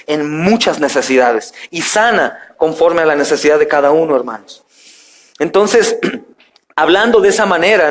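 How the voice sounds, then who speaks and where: A middle-aged man, a pastor preaching a sermon in a church, with rising, emphatic phrases and frequent direct address to the congregation. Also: on the high side. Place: church sanctuary.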